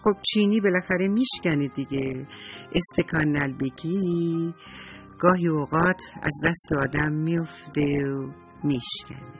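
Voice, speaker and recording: A man's voice: fairly high pitch, gravelly, faint music behind. A man telling a story to children, speaking to them directly and affectionately. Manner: warm, addresses children affectionately.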